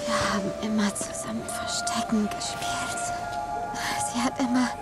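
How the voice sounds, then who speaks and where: An actress playing an injured, shaken wife, tender and guilt-ridden, in a dramatic video game. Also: female voice, a little high, fairly even intonation, moderate pace, loud music behind the voice, natural voice. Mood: pained, weak.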